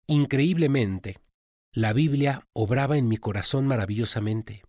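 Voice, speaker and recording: A man's voice: mid-range voice, unhurried, warm tone, no echo. Earnest male preacher, dry sound. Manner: earnest storytelling. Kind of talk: sermon.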